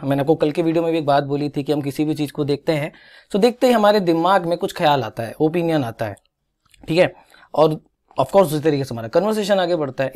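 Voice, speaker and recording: Animated Indian man teaching grammar. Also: fairly high pitch. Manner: animated, coaxing, drills pronunciation with repetition. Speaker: English teacher. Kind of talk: exam-prep grammar lesson.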